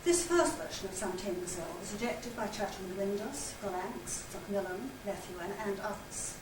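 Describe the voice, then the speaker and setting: Speaking with a medium pitch at a moderate pace, an older woman animatedly presents and reads at a literary society conference, moving between scripted narration, letters and diary passages. The hall is echoey, the mic is far off, and there's loud noise.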